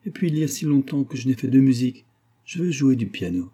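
A man's voice: mid-range voice, expressive, quick pace, dark tone, breathy edge, pitched above the performer's own voice. A man reading aloud and voicing a feverish, despairing young woman who is dying, with a raised, pleading, tearful delivery. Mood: feverish hope.

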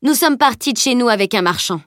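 A woman reading a cheeky, boastful teenage boy in an audiobook, with lively, playful delivery. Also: a little high, fast talker, no echo, clean studio sound, pitched above the performer's own voice. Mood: calm.

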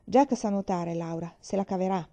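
A woman voicing a steady, reassuring pioneer father in an audiobook. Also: mid-range voice, normal speed, close to an everyday voice. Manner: reassuring, cheerful in danger. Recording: slightly dull recording.

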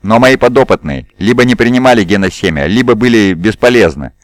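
A man voicing a calm, proud and sinister male surgeon who speaks with cold courtesy. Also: on the low side, fairly quick, no echo, close to an everyday voice. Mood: coldly polite. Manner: smooth, courteous, coldly pleased.

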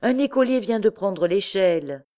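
A man's voice: fairly high pitch, normal speed, smooth, close to an everyday voice. A woman reading the part of a sheepish male stage actor who answers piteously and apologetically.

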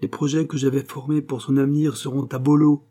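A man's voice: mid-range voice, level tone, fairly quick, mellow, voice pushed up, lightly acted. A man reading the part of a haughty, anxious mature mother who speaks bitterly about her son. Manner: bitter, imperious.

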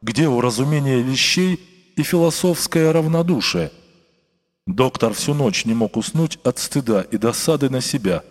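A man's voice: medium pitch, husky. Dramatic male narrator with long echo. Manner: expressive, dramatic reading. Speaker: audiobook narrator. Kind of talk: scripted narration. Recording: long reverb, faint music.

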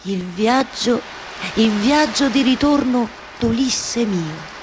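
An actress playing Penelope, a lovelorn, obsessive waiting wife, in a theatrical monologue with a Roman accent, halting and repeating her words like an incantation. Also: on the high side, animated, background noise. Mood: wistful, resolute. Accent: central Italian, Roman. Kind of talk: theatrical dramatic monologue with live music.

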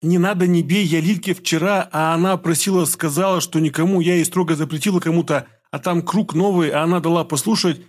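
A woman's voice: on the low side, a little mellow, voice pushed up, close to an everyday voice. A man voicing a frightened young wife of a gang boss, gabbling in broken, pleading bursts.

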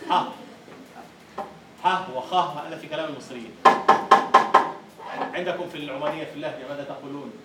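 A man's voice: a little high, quick pace, pauses often, heavy background noise. A man with an Egyptian accent giving a university lecture on Arabic prosody, quizzing his students and repeating their answers. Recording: echoey lecture hall, far from the mic.

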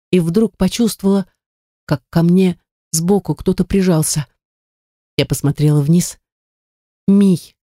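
A woman's voice: deep voice, dry recording, clean studio sound. Woman narrating a space adventure dramatically. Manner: lively, dramatic reading that rises into shouts. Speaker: audiobook narrator. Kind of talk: first-person audiobook narration.

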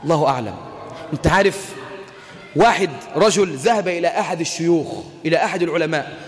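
A man's voice: on the high side, fast, long reverb tail. A man with an Egyptian accent preaching a sermon. He tells stories in colloquial speech and moves into raised, emotional recitation. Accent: Egyptian Arabic. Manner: emotional, shifts between colloquial storytelling and lofty recitation. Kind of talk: Islamic sermon with storytelling.

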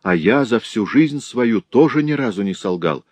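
A man's voice: on the low side, expressive, moderate pace, dry recording, voice pushed up. A man voicing a grief-stricken, furious artisan father in an audiobook reading. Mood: anguished. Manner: anguished shouting, bitter outbursts. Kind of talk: audiobook character voice.

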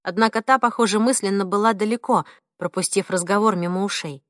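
A woman narrating an audiobook in a measured, even storytelling voice. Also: mid-range voice, no echo, clean studio sound. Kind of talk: scripted narration.

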